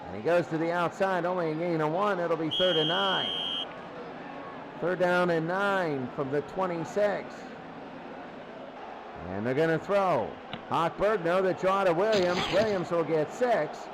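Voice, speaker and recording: Calling a football game play-by-play, the male announcer speaks a little slowly in a voice on the high side, with loud stadium crowd noise behind him.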